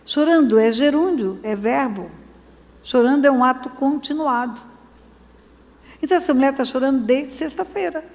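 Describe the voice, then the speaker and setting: High-voiced woman pastor preaching in a hall. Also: normal speed. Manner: emphatic preaching, swings from hushed to shouting. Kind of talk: sermon. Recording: long hall reverb.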